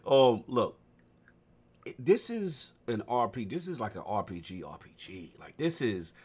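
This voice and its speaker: Animated slangy man talking games. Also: medium pitch, a little slow, slightly rough. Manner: animated, slangy, laughs and gets loud when excited. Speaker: podcast co-host. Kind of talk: casual game discussion.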